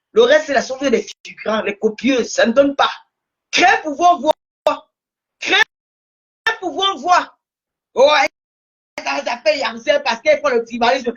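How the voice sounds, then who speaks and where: A woman's voice: high-pitched, fairly bright tone, highs cut off. A woman with a Cameroonian French accent in a heated, scolding social media rant, repeating herself, her voice cracking at times. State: angry.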